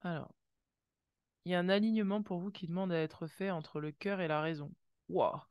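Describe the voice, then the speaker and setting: Doing an intuitive oracle card reading, a woman speaks to viewers directly in a warm second person, punctuating it with gasps of "wow" and small sound effects. Her voice is on the low side, clear and resonant, with a steady tone, normal speed, and no echo.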